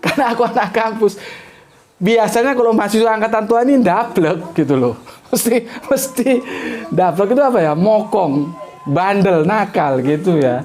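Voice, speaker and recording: A man's voice: high voice, moderate pace, a little mellow. A middle-aged man, telling a story in a religious talk. He is chatty and anecdotal and keeps adding conversational tags. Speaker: Islamic preacher.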